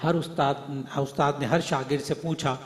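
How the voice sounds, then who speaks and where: A middle-aged man preaching, telling stories and acting out their dialogue, swinging from soft to loud. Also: a little high, steady tone. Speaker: Islamic preacher and hadith teacher. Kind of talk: Urdu religious speech to a gathering. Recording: echoey hall, voice through speakers.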